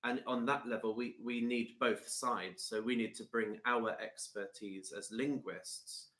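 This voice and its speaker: A man co-hosting a live online session, speaking in a measured way and correcting himself, on a video call. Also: medium pitch, steady tone, fairly bright tone, roomy sound. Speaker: co-host trainer.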